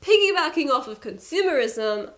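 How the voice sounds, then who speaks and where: A woman's voice: high-pitched, sing-song, normal speed. A young woman beauty vlogger chatting casually to her viewers, candid and playful with self-mocking asides. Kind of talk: casual chat to camera.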